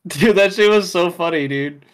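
A man's voice: sits high, moderate pace. A man co-hosting a casual podcast chat in loose, slangy talk. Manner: slangy, says dude often. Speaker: podcast co-host.

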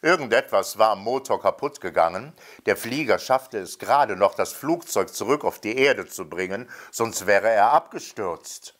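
A man, a puppeteer and educator, telling a story to young children and speaking to them directly. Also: on the low side. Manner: slow, lively, addresses the children directly.

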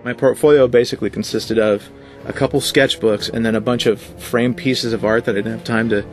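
A man being interviewed as a guest, telling stories in a rambling, animated way with lots of fillers. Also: medium pitch, fairly quick, soft background music. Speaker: guest, art director. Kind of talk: casual interview.

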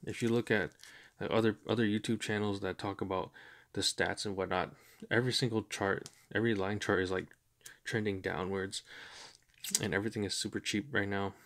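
A man talking casually and hesitantly about his collection, in a flat, monotone way with many pauses and fillers. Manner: low-key, hesitant, many ums. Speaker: YouTube card collector. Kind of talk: casual chat.

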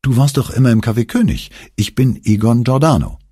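A male narrator voicing an eager, friendly young man who talks quickly. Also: mid-range voice, dark tone, husky, dry recording, studio quality, pitched above the performer's own voice, lightly acted.

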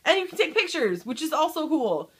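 Speaking briskly in a high, slightly bright voice, she comes across as very animated. This book vlogger, a woman in her thirties from Michigan, chats casually and upbeat to camera in a small home room, trailing off as she wraps up her thoughts.

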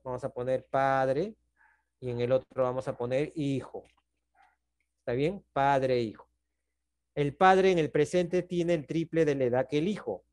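A man with a fairly high-pitched, darkish voice teaches a math class via video call in a Peruvian Spanish accent. Patient in his explanations, he frequently asks "¿no?" and "¿está bien?" to check in.

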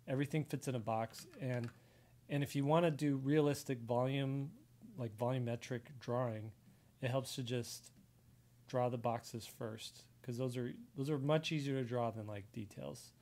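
The recording carries sound only in the left ear: an American drawing instructor and artist, live streaming from a desk indoors, explains a casual drawing tutorial step by step as he sketches. He speaks at normal speed with medium pitch, fairly even intonation, and a darkish tone.

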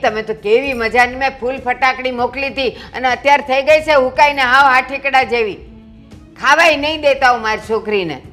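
Brief: actress as a middle-aged mother-in-law, blunt and mocking, voice pitched a little high, for a film drama. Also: a bit bright, natural voice. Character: sharp-tongued mother-in-law scolding her son-in-law.

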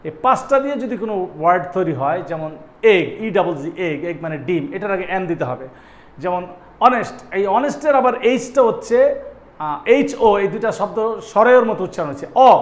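A man's voice: high-pitched, reverberant. A man teaching English in Bengali, saying each English phrase again and again and giving its meaning. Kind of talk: spoken-English lesson in Bengali.

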